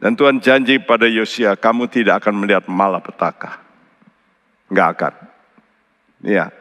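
A male pastor preaching in an earnest tone. He keeps turning to the congregation as brothers and sisters. His voice climbs sharply on key words and sinks low and soft on grave ones. The sound carries a long hall reverb. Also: moderate pace. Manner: pitch jumps high for emphasis, drops low and quiet for solemn points. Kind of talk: sermon.

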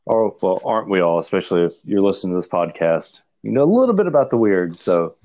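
A man's voice: sits low, big pitch swings, fast talker, darkish tone. A man co-hosting a casual podcast, laid-back and blunt, telling a crude anecdote. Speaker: podcast co-host. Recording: dull lo-fi sound.

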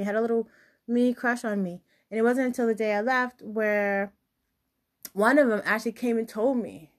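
A young adult woman, a chef, talking casually and chattily about kitchen life, lively when she quotes others. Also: mid-range voice. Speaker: podcast host and chef. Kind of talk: casual storytelling monologue.

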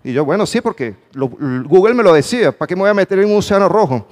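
Male motivational speaker with a fairly high voice, pitching questions to a live audience and hammering his points home. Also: lively intonation, quick pace. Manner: emphatic, calls for audience response. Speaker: conference speaker. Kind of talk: motivational talk. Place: conference hall with a live audience.

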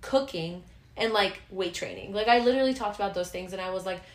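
A young woman co-hosts a podcast, chatting casually and using lots of fillers. She talks fast in a mid-range voice, and the room sounds echoey.

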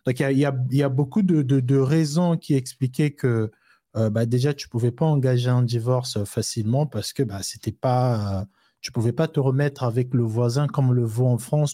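Heard in clean studio sound without echo, a man with a warm, mid-range voice co-hosts a live discussion. He rambles, restarting often and filling pauses, and explains through examples from everyday life.

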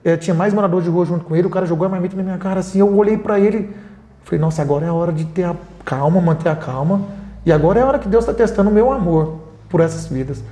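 Speaking in a high, racing voice with a dark tone, the Brazilian founder of a homeless charity earnestly recounts stories during an interview. He retells scenes by voicing the dialogue himself. The recording has a roomy echo.

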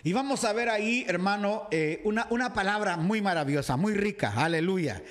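Male pastor from Ecuador, high voice, lively livestream preaching, acts out Bible scenes. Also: moderate pace. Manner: animated, acts out the crowd and shouts in the story; reads out viewers' comments and greets them by name. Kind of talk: livestreamed sermon and Bible reading. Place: home, dressed casually for a live video.

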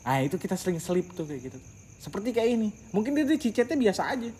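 A man who leads a casual Quran study group, talking in a lively way, slipping in English words and calling his listeners by their nicknames. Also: high-pitched, fast talker, a little hiss or hum. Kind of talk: casual religious study talk.

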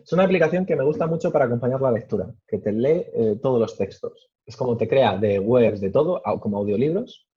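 A man answering interview questions casually, with many fillers and pauses. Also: medium pitch, animated, husky, muffled recording. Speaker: podcast guest.

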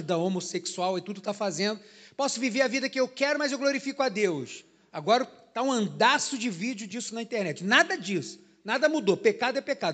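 High-voiced pastor preaching conversationally. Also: male voice, a bit bright. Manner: conversational preaching, frequent "né?" tag questions. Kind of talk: sermon. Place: church hall.

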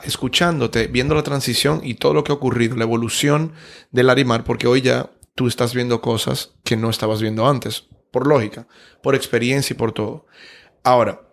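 A man hosts the interview, his voice gravelly with vocal fry. He asks reflective, winding questions at a middle pitch. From Dominican Republic. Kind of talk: interview conversation.

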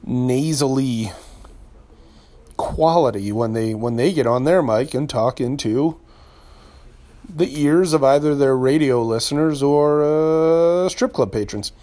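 A man's voice: mid-range voice, slow, mellow. Rambling, chatty male podcast host. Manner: rambling, chatty, full of asides. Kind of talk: solo casual podcast monologue. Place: home room. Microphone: podcast microphone.

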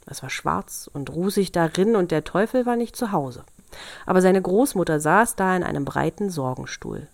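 A woman narrating a fairy tale in a calm, measured storytelling manner. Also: on the low side, gravelly.

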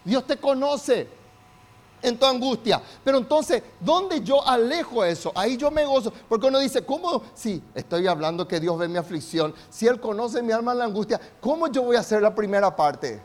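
A man delivers a sermon in a very high voice. He calls on the congregation to repeat after him, and his delivery climbs to shouting. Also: animated, moderate pace. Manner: call-and-response preaching, builds to shouts. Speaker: pastor.

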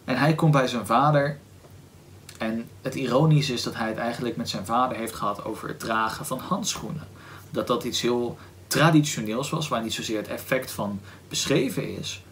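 A man with a Dutch accent hosting a book podcast, talking casually and thoughtfully, often pausing to search for words with "ehm" and restarts. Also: medium pitch, fairly bright tone, a little hiss or hum. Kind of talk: casual book discussion with read-aloud passage.

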